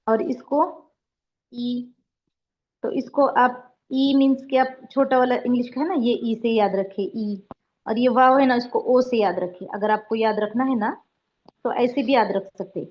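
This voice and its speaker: A woman teaching an online language lesson. She drills letter sounds slowly and patiently and keeps checking in with her students. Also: on the high side. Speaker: Urdu teacher. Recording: dull lo-fi recording.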